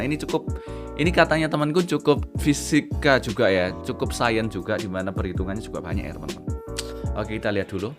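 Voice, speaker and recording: A man with a fairly low voice hosts a casual educational stream. He talks chattily, explaining as he goes and addressing viewers like friends. Guitar music plays clearly behind him. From Indonesia. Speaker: VTuber host of an educational reaction stream.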